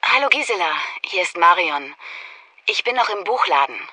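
A woman playing a brisk speaker who delivers scripted practical messages in short, direct sentences. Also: on the low side, animated, pushed and bright, rough recording. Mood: brisk, friendly.

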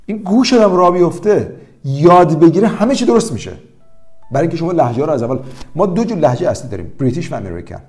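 Animated male language teacher, lively pitch. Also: faint music behind. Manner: animated, lively storytelling with quoted voices. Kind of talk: promotional language-learning talk.

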